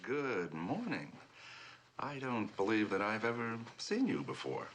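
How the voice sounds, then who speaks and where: Bumbling police sergeant, polite, lively up and down, bright. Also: male voice, mid-range voice, a little slow, slight background noise. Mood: deferential. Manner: deferential, fumbling. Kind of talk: 1970s TV crime drama acting.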